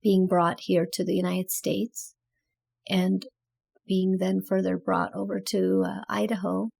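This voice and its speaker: A woman in her thirties from Azerbaijan, telling her story in a reflective interview with measured, deliberate phrasing. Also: medium pitch, little pitch movement, creaky, darkish tone, slightly rough. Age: 30s. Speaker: podcast guest, author and entrepreneur.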